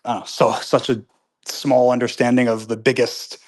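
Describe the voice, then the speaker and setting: A man's voice: mid-range voice, flat delivery, moderate pace. A man hosting a live audio chat from home, answering listener comments casually and earnestly, with many restarts and fillers. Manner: upbeat and earnest when disagreeing. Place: at home with pets nearby.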